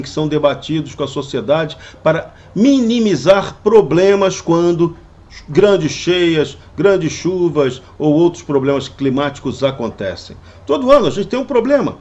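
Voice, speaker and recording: A man's voice: fairly high pitch, expressive, a little slow, darkish tone, lo-fi sound. A man delivering a scripted opinion commentary, indignant and full of rhetorical questions. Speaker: political commentator.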